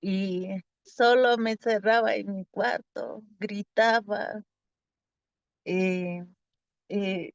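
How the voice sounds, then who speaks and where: Slow, earnest woman. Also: mid-range voice, fairly even intonation, no echo. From Peru. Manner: earnest, halting, emotional storytelling. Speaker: interviewee, former community mayor. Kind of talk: personal testimony in conversation. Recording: slightly dull, dry lo-fi recording.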